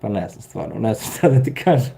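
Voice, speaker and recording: A man in his thirties with a Serbian accent hosts a casual live stream, answering viewer comments with dry sarcasm and frequent chuckles. His mid-range voice is creaky and mellow.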